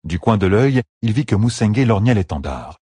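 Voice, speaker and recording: Deep, husky male audiobook narrator. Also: normal speed, dry recording. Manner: steady, dramatic storytelling. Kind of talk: scripted fantasy narration.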